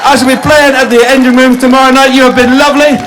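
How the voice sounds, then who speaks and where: A man's voice: very high voice, level tone, quick pace, a crowd in the background, background noise. A man, a stage singer, giving brief friendly patter to the audience after a song. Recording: loud music behind.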